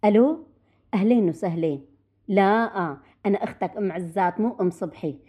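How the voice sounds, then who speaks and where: An actress playing a chatty, caring, teasing woman neighbor in a radio drama, speaking with a Levantine Arabic accent and a lively, fussing manner. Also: medium pitch, fairly quick, slightly rough, natural voice. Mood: cheerful.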